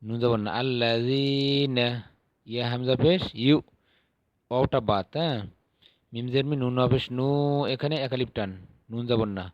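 A man's voice: medium pitch, darkish tone, no echo, muffled recording. Patient male Quran teacher, dry close sound. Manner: patient, spells syllables slowly then drawls out the recited words. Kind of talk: spelling-out Quran recitation lesson.

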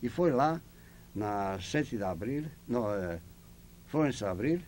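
A man's voice: fairly low pitch, expressive, slow pace, darkish tone, slight background noise. An older man from Yugoslavia, speaking Portuguese as a second language, telling his life story in an oral history interview and acting out the dialogue as he goes. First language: not Portuguese.

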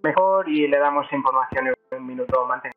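A man's voice: medium pitch, a little fast, faint music behind. A man playing an airline pilot, making clipped radio calls over a cockpit headset. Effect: pilot speaking over a cockpit headset radio. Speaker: airline pilot in a flight simulation. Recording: muffled lo-fi radio transmission.

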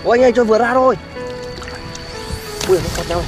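Young man, fast excited exclamations, outdoor field, music bed. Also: sits high. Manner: loud exclamations of amazement. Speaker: video host. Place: grassy field outdoors, digging a hole. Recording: background music over field audio. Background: background music.

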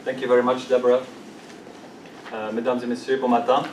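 This young conference speaker talks briskly in a medium-pitched, level voice, with a Belgian French accent and French as a non-native language. His presentation has many fillers and restarts. The recording, from a distant mic in an echoey large hall, has a bit of hiss or hum.

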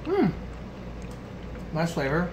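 A man's voice: a little high, wildly swooping pitch, slow pace, a little hiss or hum. Laid-back man talking while chewing. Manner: laid-back, loose, peppered with "like". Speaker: taste-test co-host. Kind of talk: casual chat. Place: at a picnic table.

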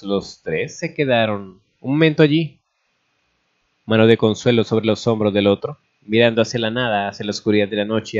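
A man narrating a fan story aloud, reading steadily and sometimes rereading a stumbled word. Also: on the low side. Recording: dull lo-fi recording.

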